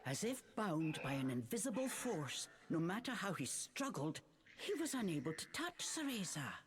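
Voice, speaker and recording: A woman narrating a storybook game tale in a slow, measured, dramatic way. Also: fairly low pitch, very animated, background noise. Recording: game audio with music behind. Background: music.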